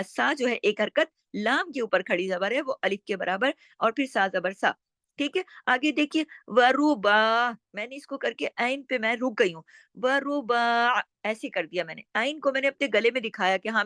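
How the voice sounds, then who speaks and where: A woman teaching Quran recitation step by step, explaining rules slowly and chanting words drawn out. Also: fairly high pitch, lively intonation, fairly bright tone, no room sound.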